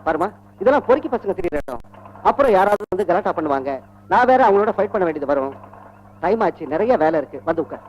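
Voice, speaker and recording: A man's voice: high-pitched, sing-song, fast, slight background noise. An actor playing a cocky young policeman with a smug, teasing manner, in 1980s film dialogue. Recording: dull old film soundtrack.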